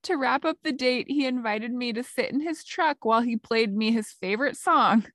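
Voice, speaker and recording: A woman's voice: on the high side, normal speed, a bit bright, dry recording, studio quality. A woman co-hosting a podcast, chatting casually and laughing often as she tells and reads out stories. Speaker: podcast co-host. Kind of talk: casual chat.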